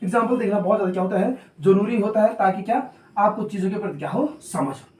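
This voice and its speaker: A man's voice: high voice, fast talker, a little mellow. A male coaching teacher giving a classroom grammar lesson, repeatedly asking a question and then answering it himself, and noting that he talks hurriedly. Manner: repetitive call-and-answer questioning. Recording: roomy echo, mic at a distance.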